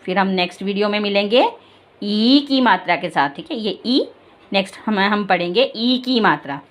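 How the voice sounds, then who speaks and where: A woman's voice: mid-range voice, expressive, moderate pace. A woman teaching young children in a classroom lesson, speaking to them directly and reading aloud word by word. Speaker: primary school Hindi teacher.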